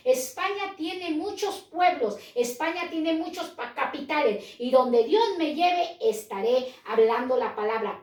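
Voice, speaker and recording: A woman's voice: sits high, roomy sound, distant mic. A Peruvian woman with a Peruvian Spanish accent preaching a sermon, posing questions and answering them herself in an emphatic way. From Peru. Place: in Spain.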